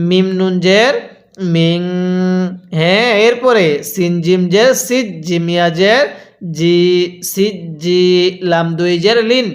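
A man teaching Quran reading, spelling out letters and drawing out words slowly for his students to repeat. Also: high-pitched. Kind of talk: Quran recitation lesson.

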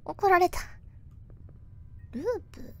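A woman's voice: slow, a little mellow, no echo. A young woman streamer playing a horror game, panicking, shrieking at scares and repeating words. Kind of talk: horror game let's play.

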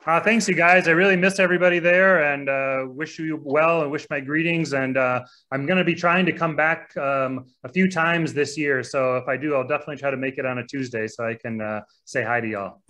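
A man speaking as a guest over a video call, relaxed and conversational. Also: on the high side, a little fast, hardly any pauses. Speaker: guest reporting from abroad.

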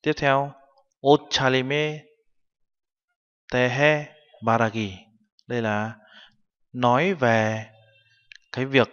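A man's voice: mid-range voice, steady tone, moderate pace, long pauses, fairly bright tone, smooth. A man giving a classroom-style language lesson. He walks through each term patiently, translating it word by word. The recording sounds dull, with a long reverb trailing behind his voice. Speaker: Korean language teacher.

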